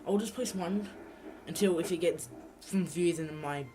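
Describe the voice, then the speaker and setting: Game music plays in the background as a young man, nose blocked, rambles and corrects himself through let's play commentary on a laptop mic. He has a high voice and talks at a moderate pace.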